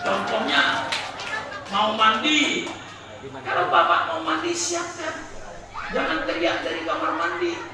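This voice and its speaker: A man's voice: very high-pitched, expressive, slow, pauses often. A man preaching a humorous sermon to a live congregation, joking, asking the crowd for agreement and acting out household exchanges. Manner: jokey, asks the crowd for agreement, acts out short household exchanges. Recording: very echoey hall, voice far from the mic, crowd audible.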